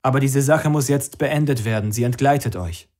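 A man's voice: mid-range voice, normal speed, darkish tone, close to an everyday voice. A man voicing a stern, disapproving middle-aged father in an audiobook, speaking bluntly in a lecturing tone. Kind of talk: audiobook character reading.

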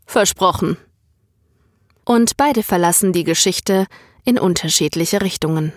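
A woman reading a short story aloud in a calm, measured narration. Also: on the low side, dry recording, studio quality. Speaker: audiobook reader. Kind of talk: scripted narration.

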